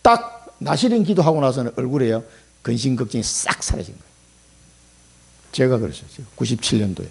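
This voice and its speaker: A middle-aged male pastor preaching a sermon in an emphatic, folksy way, swinging between loud and soft. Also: mid-range voice, lively intonation, fairly quick, creaky, long pauses, slightly rough.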